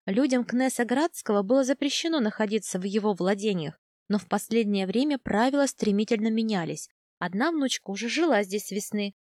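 A woman narrating a novel in the first person, measured and lightly animated. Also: mid-range voice, no room sound, studio quality. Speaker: audiobook narrator.

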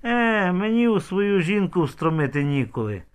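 A man's voice: high voice, very animated, normal speed, smooth, voice pushed up. A man voicing a coarse village man who sneers crudely in an audiobook. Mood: sneering.

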